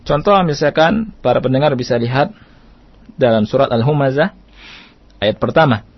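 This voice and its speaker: A man teaching recitation rules in an Indonesian radio lesson, patient and repetitive, sometimes chanting verses slowly. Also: medium pitch, slightly rough, no echo. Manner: patient, repeats key points, chants Arabic verses slowly. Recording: dull dry radio broadcast.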